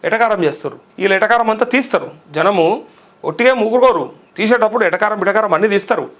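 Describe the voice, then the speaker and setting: A man's voice: high voice, lively intonation, fast talker, fairly bright tone. A male journalist with a Telangana Telugu accent giving heated, sarcastic political commentary full of rhetorical questions.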